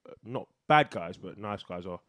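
A man's voice: low voice, expressive, moderate pace, a bit bright, no echo. A young man with a London street accent, debating bluntly and casually in heavy slang. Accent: London, urban street. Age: young adult.

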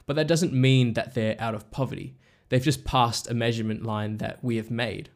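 A male podcast host reads scripted narration at a mid pitch. He explains things in a steady, measured manner.

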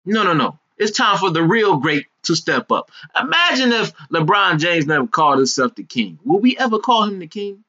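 Reading scripture in an informal sermon, this American preacher speaks at a moderate pace in a high, pushed, bright voice with big swings in pitch and barely any pauses. He uses streetwise, colloquial language, stressing points hard and repeating phrases for effect, on a dull-sounding recording.

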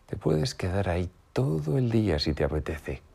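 Conejo macho pícaro y guasón de cuento, interpretado por el narrador. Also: male voice, low voice, very animated, moderate pace, creaky, warm tone, slightly rough, voice pushed up, heavily acted. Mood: teasing. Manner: playful, mocking, light. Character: sly mischievous male rabbit, teasing.

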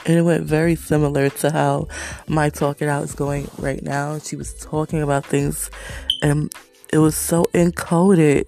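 Woman, casual spiritual vlogger, heavy vocal fry, meandering delivery, faint music bed. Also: low voice, warm tone. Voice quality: creaky, gravelly. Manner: rambling, reflective, trailing off with fillers. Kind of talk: casual spiritual vlog monologue.

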